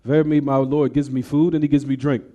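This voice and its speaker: Teaching hadith, this man explains in English, recites Arabic, and keeps testing his students with "what?" questions. He talks fast in a warm, mid-range voice with flat delivery, while the recording loses its high frequencies.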